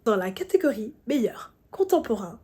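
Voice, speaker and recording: A woman's voice: a little high, sing-song, normal speed, noisy background. A woman chatting casually about books, talking straight to the viewer with playful asides. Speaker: book reviewer. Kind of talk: casual book review chat.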